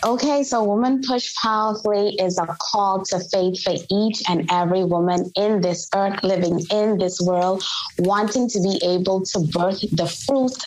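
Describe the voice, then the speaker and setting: A woman's voice: mid-range voice, normal speed, a little mellow, low-quality recording. A woman from the Bahamas, a guest author speaking earnestly and inspirationally in a podcast interview.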